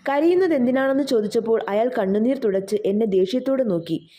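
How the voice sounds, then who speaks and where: A woman reads a novel aloud in the first person, measured and expressive. Her voice sits slightly high with a mellow, warm tone, an audiobook storytelling style. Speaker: narrator.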